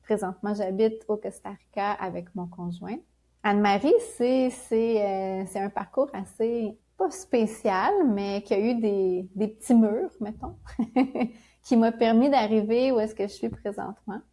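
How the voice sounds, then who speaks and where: Québécois woman, spiritual guest, mellow warm tone, gentle and reflective. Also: mid-range voice, measured pace. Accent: Québécois French. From Quebec. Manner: gentle, reflective, laughs often. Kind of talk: casual conversational interview.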